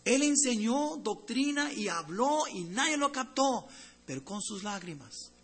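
A man preaching a sermon to his congregation. He swings between loud, emphatic lines and hushed, tender ones. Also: very high voice, big pitch swings, measured pace, slightly rough. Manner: addresses congregation as brothers.

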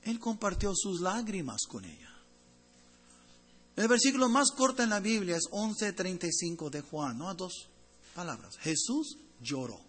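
A man preaching to his congregation in a high, bright voice with a husky, breathy edge. His delivery swings between forceful, emphatic declarations and soft, near-whispered passages. He speaks to the listeners directly and calls them brothers. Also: very animated, a little slow. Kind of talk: sermon.

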